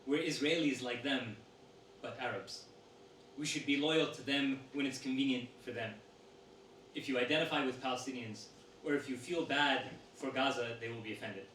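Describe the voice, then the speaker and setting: A man's voice: mid-range voice, steady tone, normal speed, a bit bright. Man reading aloud in a roomy space. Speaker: reader of interview answers. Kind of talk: reading a text aloud to an audience. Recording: roomy sound from a distant mic with faint noise.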